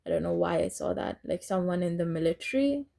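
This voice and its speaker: A woman's voice: lowish voice, expressive, a little fast, gravelly, mellow. A woman giving a casual tarot reading, rambling and correcting herself as she goes, and laughing at her own slips. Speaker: tarot reader.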